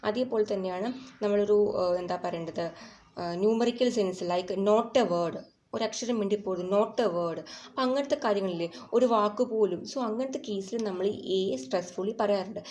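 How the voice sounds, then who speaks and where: A woman with a Malayali accent teaching English grammar for an exam, explaining patiently and repeating examples slowly. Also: mid-range voice, darkish tone.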